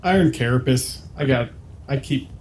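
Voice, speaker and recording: A man's voice: medium pitch, normal speed, a little mellow, a little hiss or hum. A man playing a tabletop game and chatting casually about what the group will do.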